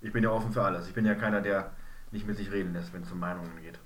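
A man's voice: sits low, fairly even intonation, rapid-fire, crowd noise. A man co-hosting a casual games podcast, joking with dry, ironic banter. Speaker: podcast co-host. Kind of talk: casual game podcast chat. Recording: echoey room, faint background hiss.

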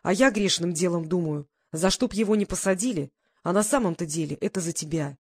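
A woman's voice: on the low side, brisk, breathy edge, dry recording, clean studio sound. A woman voicing an anxious, stern older mother who scolds her grown daughter in an audiobook. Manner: pleading, then stern and scolding.

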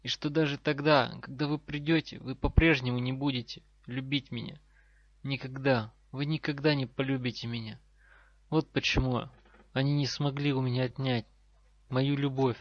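A man's voice: medium pitch, fairly even intonation, moderate pace, no room sound, close to an everyday voice. A man voicing a broken, desperate woman prisoner, devoted to her lord, her voice trembling with sobs. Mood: pleading, tearful. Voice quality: trembling, sobbing. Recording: dry, slightly dull recording.

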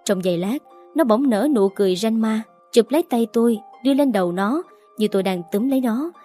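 A woman reading a first-person story aloud in a steady storytelling manner. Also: on the high side, fairly quick. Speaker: narrator. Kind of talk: first-person audiobook narration. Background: faint background music.

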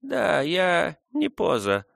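A frail, toothless old native woman, put on by a male reader, mumbles in a high, thin voice that sways up and down. She talks slowly and tenderly, her voice gravelly at the edges. The sound is dry and close, like a storybook reading. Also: huge pitch swings, fairly bright tone, dry recording, exaggerated voice. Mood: mumbling, surprised. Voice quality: mumbling, lisping toothless speech. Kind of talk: audiobook character voice.

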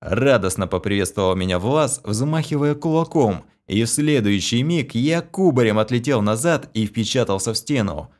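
A man narrating a first-person audiobook in an expressive reading. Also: mid-range voice, normal speed, few pauses.

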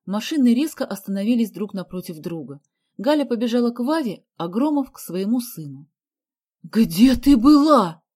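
Woman calmly narrating a story. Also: a little high, a little fast. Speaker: audiobook narrator. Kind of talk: scripted narration.

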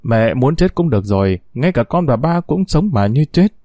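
A man reading a story aloud and voicing a grown son who fires sharp, accusing questions at his mother. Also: mid-range voice, very animated, moderate pace, no echo, studio quality. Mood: angry.

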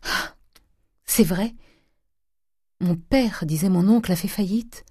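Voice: medium pitch, takes it slowly, darkish tone, husky, no room sound, studio quality, pitched above the performer's own voice. A reader voicing a grieving young man in an audiobook, anguished and pleading.

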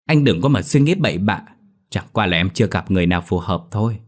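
A man's voice: low-pitched, fairly even intonation, rapid-fire, close to an everyday voice. A man voicing a cheeky young man who whines and yelps in fright, in a told ghost story. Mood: shrill. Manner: whiny, shouts in fright.

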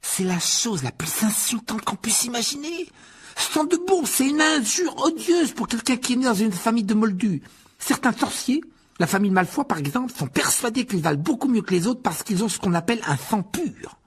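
A man voicing a hoarse, sick schoolboy in a storybook reading. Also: very high voice, lively intonation, moderate pace, pitched above the performer's own voice, heavily acted. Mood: indignant.

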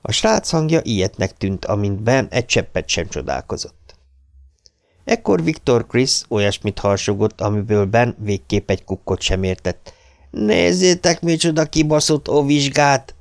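A man reading an audiobook in an expressive, dramatic storytelling manner. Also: fairly low pitch, vocal fry. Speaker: audiobook narrator. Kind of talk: scripted narration.

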